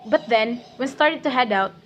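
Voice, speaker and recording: A woman's voice: a little high, moderate pace, noisy background, natural voice. A woman playing a tired Filipino immigrant mother who works long shifts at a shop counter, speaking with a Filipino accent in a weary, wistful tone. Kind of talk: student dramatic reading.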